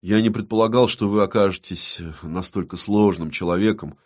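A man's voice: lowish voice, moderate pace, a little mellow, close to an everyday voice. A man reading an audiobook, voicing a polite, evasive male painter who speaks in a deferential, placating way.

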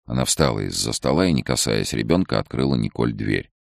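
A man narrating an audiobook in a very low, gravelly voice. His reading rises and falls a lot for expression. The recording is dry and close. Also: expressive, brisk, no room sound.

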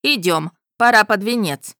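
A woman's voice: mid-range voice, unhurried, bright, forceful tone, dry recording, clean studio sound. A woman voicing a proud, commanding older female snake-woman.

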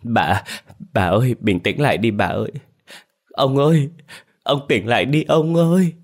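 A man's voice: fairly low pitch, moderate pace, lightly acted. A man voicing a timid young servant girl who stammers and speaks deferentially. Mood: pleading.

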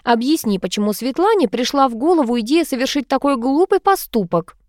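A woman's voice: high-pitched, expressive, fairly quick, a little mellow, no echo, studio quality, voice pushed up. A woman voicing a stern, formal older mother who scolds with polite phrasing, read as part of an audiobook. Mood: reproving. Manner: formal, reproving.

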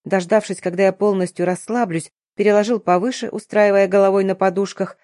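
A woman narrating a novel in the first person, at a steady, measured storytelling pace. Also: mid-range voice, no room sound, clean studio sound. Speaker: audiobook narrator.

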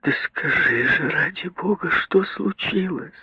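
A man's voice: medium pitch, expressive, a little slow, husky, dry recording, pitched above the performer's own voice. A man voicing a timid, anxious middle-aged mother who frets and pleads in a raised, strained voice, in a literary reading. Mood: frightened. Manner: fretful, pleading, breathless. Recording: dull, muffled radio recording.

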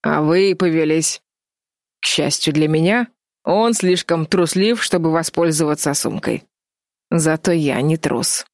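A cruel young man drawls his threats in a low, dry, mocking voice, as a woman reading an audiobook puts him on. He sounds bored and menacing, an audiobook villain with a cold sneer. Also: measured pace, darkish tone, no echo. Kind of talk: audiobook character voice.

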